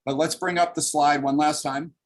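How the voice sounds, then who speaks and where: A man's voice: on the high side, fairly even intonation, moderate pace, rough recording. A man in his thirties, a comics artist leading an online library workshop, talking casually and upbeat with many fillers over a video call.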